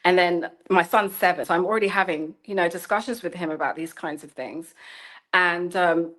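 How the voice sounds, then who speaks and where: A journalist and storyteller in her thirties who lives in China speaks as an interview guest in a fairly low, slightly bright voice at a moderate pace. She's reflective and searching, often restarting and saying "you know" as she hunts for words.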